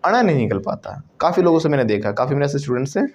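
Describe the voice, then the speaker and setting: A man's voice: medium pitch, sing-song, very fast, darkish tone. A man teaching spoken English to a class, playful and joking as he drills call-and-response phrases. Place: classroom with students.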